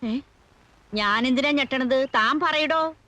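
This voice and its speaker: A woman's voice: high-pitched, slow pace, sharp tone, full character voice. An actress playing a feisty old grandmother and landlady in a 1980s film drama, commanding and scolding. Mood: demanding. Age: older. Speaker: grandmother who owns the house.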